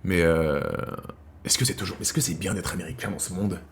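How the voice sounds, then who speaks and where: Slangy low-voiced man chatting live. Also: fairly even intonation, fairly quick, a little hiss or hum. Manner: slangy, calls viewers "brothers", rambling restarts. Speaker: host of a live chat show. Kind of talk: casual live chat with viewers, reading comments.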